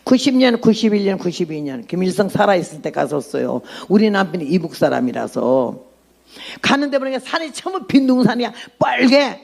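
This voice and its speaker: A woman's voice: mid-range voice, expressive, brisk, creaky, darkish tone. A woman in her eighties, a missionary, giving a blunt and emphatic testimony sermon. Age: 80s.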